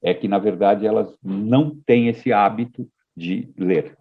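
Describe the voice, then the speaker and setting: A man's voice: lowish voice, a little slow, slightly rough, phone-quality sound. A man as a podcast guest, talking in a reflective, hesitant way with frequent restarts. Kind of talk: casual podcast conversation.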